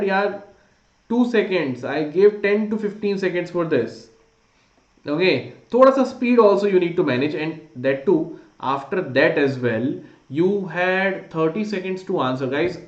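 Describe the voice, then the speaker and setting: An Indian man with a fairly high voice runs a live online lesson. He speaks informally, urging students on and slipping Hindi phrases into English. The sound is slightly dull, with a strong room echo. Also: lively intonation, unhurried. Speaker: online maths teacher. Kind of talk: live online class quiz, teaching. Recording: dull, roomy, echoey sound.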